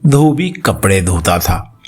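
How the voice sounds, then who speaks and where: A man's voice: low-pitched, very animated, takes it slowly, darkish tone, husky, faint music behind, full character voice. A man voicing a dim-witted, hard-of-hearing old male clerk who mishears everything and drawls. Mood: befuddled.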